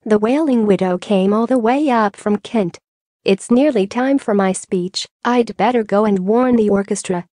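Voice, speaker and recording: A woman's voice: medium pitch, normal speed, dark tone, dry recording, clean studio sound, natural voice. A woman narrator voicing a proud, stiff male ghost nobleman in a formal manner.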